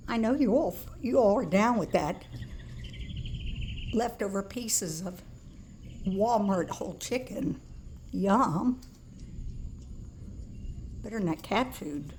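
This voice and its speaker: A woman's voice: medium pitch, lively intonation, takes it slowly, long pauses, darkish tone, a little hiss or hum. A woman talking casually and affectionately to animals in a folksy way, as if filming at home.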